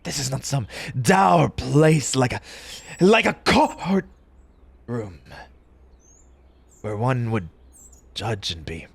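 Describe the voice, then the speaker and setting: A man voicing a grieving, eccentric March Hare, a mannered gentleman speaking formally and theatrically in an ASMR roleplay, halting with emotion. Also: medium pitch, sing-song, creaky, husky, full character voice. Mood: wistful, courteous. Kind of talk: ASMR roleplay character monologue.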